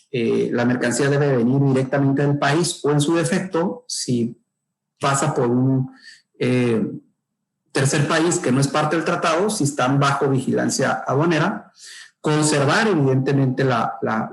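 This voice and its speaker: A man's voice: medium pitch, reverberant, rough recording. A man, a trade consultant explaining rules in podcast talk, thinking aloud with many filler sounds and tag questions. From Mexico.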